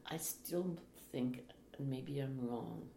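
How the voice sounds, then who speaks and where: An older woman, a retired teacher, speaking slowly and reflectively in an interview. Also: very deep voice, vocal fry. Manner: slow, reflective, with soft laughs. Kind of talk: oral history interview. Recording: echoey room, faint hiss.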